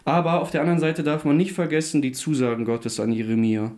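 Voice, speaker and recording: A man's voice: a little high, flat delivery, quick pace, a little mellow. Earnest man in casual talk. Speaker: podcast co-host.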